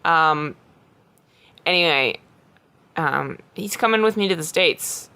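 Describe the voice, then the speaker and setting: A woman's voice: low voice, expressive, slow, bright, forceful tone, clean tone. A woman podcast host with an informal, giggly manner, chatting casually and reading a storybook aloud.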